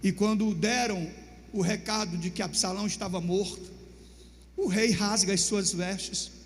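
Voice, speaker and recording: A pastor preaching, retelling a story dramatically with loud shouted bursts. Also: male voice, high-pitched, steady tone, unhurried. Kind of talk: sermon storytelling. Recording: long reverb, faint hum.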